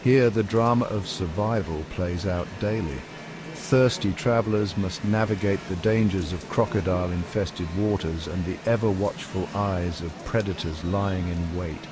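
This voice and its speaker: A man narrates a scripted nature documentary in a measured, solemn storytelling manner. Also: low voice, over music.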